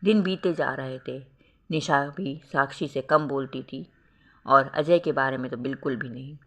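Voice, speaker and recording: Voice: medium pitch, a bit bright. A storyteller reading a self-written romantic drama aloud, voicing every role in a melodramatic way. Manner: melodramatic, reads all roles. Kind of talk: scripted story narration.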